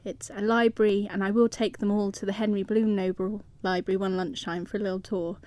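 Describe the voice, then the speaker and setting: A woman's voice: medium pitch, flat delivery, a little fast, a little mellow. A middle-aged woman with a southern English home counties accent, chatting as a guest in a radio interview. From Surrey, England. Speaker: studio guest.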